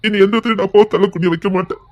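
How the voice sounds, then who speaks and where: An actor playing a remorseful young son who makes earnest, emphatic vows, with a fairly high voice. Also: male voice, fairly even intonation, very fast, lo-fi sound. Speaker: actor in a television serial. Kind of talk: television drama acting.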